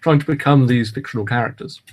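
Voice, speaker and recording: A man hosts a casual podcast chat at a quick pace, his voice at medium pitch. He rambles and hesitates, often saying um and restarting his sentences.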